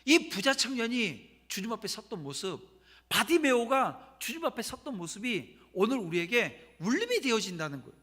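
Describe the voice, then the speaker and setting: Emphatic pastor preaching in a reverberant church. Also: male voice, sits high, very animated, moderate pace, pushed and bright. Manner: emphatic, with rhetorical questions to the congregation. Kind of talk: sermon. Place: church sanctuary. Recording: long church hall reverb.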